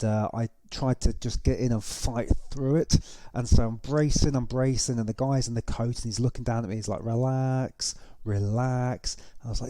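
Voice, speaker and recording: A man's voice: medium pitch, mellow, no room sound. A man hosting a reaction video, giving casual, conversational commentary and explaining things as he goes. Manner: explanatory, conversational, with tag questions.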